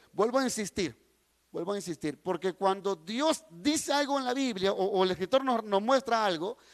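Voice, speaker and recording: High-pitched man teaching a Bible class. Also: big-room sound. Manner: reads scripture aloud, then explains with repetition and emphasis; addresses listeners directly.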